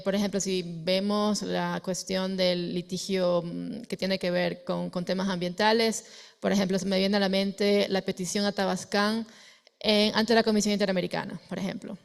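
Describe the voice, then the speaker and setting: A woman's voice: medium pitch, vocal fry, clear, resonant tone. A woman from Ecuador speaking as a panelist in an academic discussion, hesitant, with many fillers and restarts.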